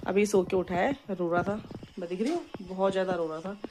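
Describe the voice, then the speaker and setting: A woman's voice: fairly low pitch, fairly even intonation, brisk, noisy background. A woman chatting casually to her phone camera at home, a mother talking to her viewers and her baby. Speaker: vlogger, mother. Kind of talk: casual home vlog chat. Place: home, bedroom.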